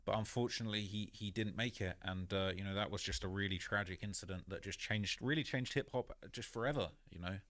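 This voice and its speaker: A man's voice: on the low side, a little fast, few pauses, fairly bright tone, no echo. A man narrating a story in a conversational way, with many "you know" and "basically" fillers. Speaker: YouTube narrator.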